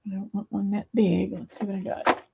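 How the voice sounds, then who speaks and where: A woman's voice: medium pitch, level tone, brisk, gravelly, highs cut off, heavy background noise. A middle-aged woman hosting a craft video from her home studio, chatting casually and rambling with many fillers as she sews. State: hands a little weak, fumbling.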